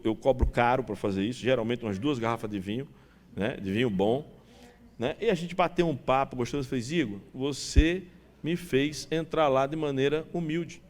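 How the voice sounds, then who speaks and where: A man giving a talk to an audience, animated and chatty, addressing his listeners over and over. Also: a little high. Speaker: business speaker.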